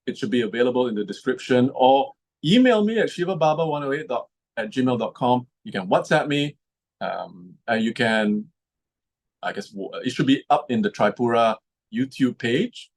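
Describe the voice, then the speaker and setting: A man's voice: medium pitch, animated, moderate pace. A man hosting a video call as lead ambassador, eager and repeating himself as he talks. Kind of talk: casual video call talk.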